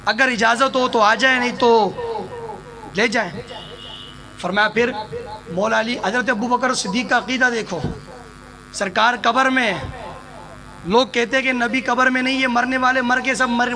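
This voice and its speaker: High-pitched gravelly male preacher, crowd. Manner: impassioned, rising to shouts, storytelling with quoted dialogue. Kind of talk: sermon to a live audience. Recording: sermon with a loud crowd behind.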